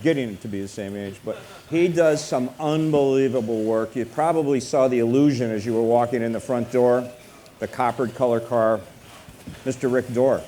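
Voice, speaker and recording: An older man moderating a panel discussion, relaxed and joking as he introduces guests. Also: mid-range voice, slight background noise. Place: forum room with an audience.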